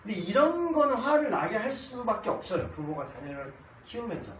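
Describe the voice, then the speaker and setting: A man's voice: sits high, a little fast, slight background noise. A man in his thirties teaching a casual Bible class, blunt and joking as he tells family stories. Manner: blunt, joking, animated storytelling. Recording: echoey room, distant mic, faint ambience.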